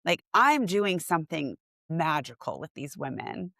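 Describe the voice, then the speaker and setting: Animated woman, low voice, dry close mic. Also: a little slow, creaky, dry recording. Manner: animated, acts out clients' excited reactions. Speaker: guest, portrait photographer. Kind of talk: casual interview chat.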